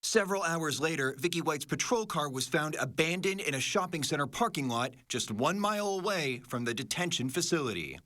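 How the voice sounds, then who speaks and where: A man with an American accent reads a scripted TV news report as a reporter. His voice sits on the high side and is very bright and forceful. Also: sing-song, a little fast, few pauses.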